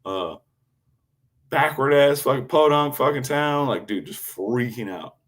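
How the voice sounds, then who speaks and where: A man chatting on a casual livestream, telling a rowdy story, cursing constantly, with loud animated outbursts when quoting himself. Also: mid-range voice, a little slow. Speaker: live streamer. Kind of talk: casual rambling livestream chat.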